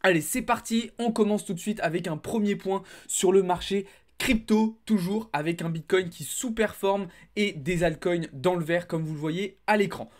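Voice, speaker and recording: A man's voice: high voice, moderate pace. A man with a slight lisp on his s sounds, presenting market commentary to viewers. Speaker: crypto trading video host.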